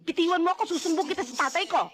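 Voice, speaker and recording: A woman playing a sharp-tongued, defiant young woman serving coffee. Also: very high voice, rapid-fire, no echo.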